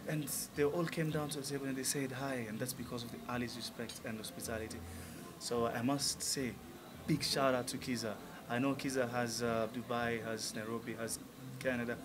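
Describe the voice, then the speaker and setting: Brief: enthusiastic male musician in his thirties, mid-pitched voice, clear restaurant chatter behind. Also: background noise. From Tanzania. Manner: upbeat, enthusiastic, many fillers. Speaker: musician guest. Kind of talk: casual interview. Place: restaurant lounge, indoors. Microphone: table mic on stand.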